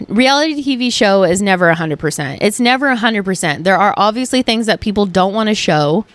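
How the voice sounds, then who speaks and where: An emphatic woman hosting a casual podcast, leaning hard on "like" and swearing now and then. Her voice sits at a middling pitch, and the sound is dry and close. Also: animated, moderate pace, no room sound. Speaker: podcast host. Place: at home on a couch.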